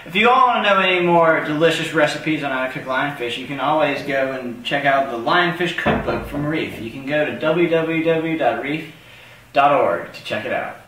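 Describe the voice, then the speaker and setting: A man's voice: on the high side, normal speed, sharp tone. A young man hosting a playful mock cooking show in a home kitchen, talking in a jokey, theatrical way, picked up from across the room. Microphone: far camera mic. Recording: echoey kitchen from far off, faint noise.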